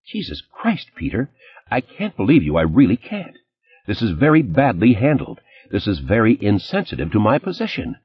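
A man reading an audiobook, voicing a sharp, image-conscious ex-wife who scolds in a clipped, indignant way. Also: low voice, sing-song, moderate pace, slightly rough, muffled recording, heavily acted.

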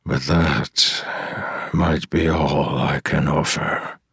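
Ancient weary demigod, deep and dragging, slow, heavy lines, read by a male narrator. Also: level tone, vocal fry, fairly bright tone, husky, dry recording, studio quality, full character voice. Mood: grave. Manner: slow, heavy, low delivery.

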